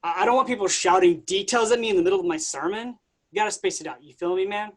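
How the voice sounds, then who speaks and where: An actor playing a laid-back, vain Jesus who talks like a slangy bro in a staged comedy reading. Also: male voice, high-pitched, fast talker. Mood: scheming. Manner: casual slangy dude speech. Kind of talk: staged reading of a comic play.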